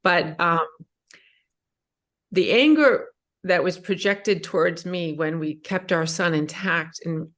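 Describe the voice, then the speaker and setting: A woman's voice: fairly low pitch, slow, fairly bright tone. A middle-aged woman asks a personal question at a book talk, hesitant and full of fillers. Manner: hesitant, many fillers and restarts. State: emotional, voice rising. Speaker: audience member asking a question.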